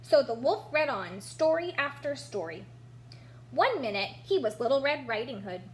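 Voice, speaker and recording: In a poor-quality recording with a noticeable hum, a woman narrates a storybook for young children, expressively adding remarks about the pictures. She speaks at a normal speed in a high-pitched, sing-song voice.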